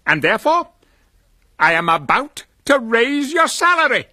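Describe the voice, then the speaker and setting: A man's voice: sits high, very animated, a little slow, fairly bright tone, breathy edge, no echo, clean studio sound, full character voice. A man voicing an elderly male miser turned kindly, jovial, teasing and sometimes stammering.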